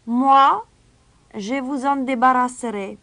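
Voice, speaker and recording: A woman voicing a calm, mysterious young male stranger, a piper, in a storybook reading. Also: high voice, takes it slowly, voice pushed up, full character voice. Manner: calm, quiet, raised voice.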